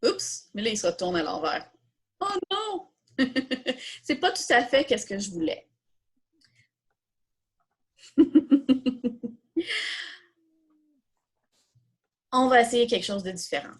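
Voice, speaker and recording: With big pitch swings, drawn-out words, frequent pauses and a breathy edge, a high-pitched woman with a Quebec French accent teaches coding. Her informal step-by-step tutorial is full of self-posed questions that she then answers in explanation.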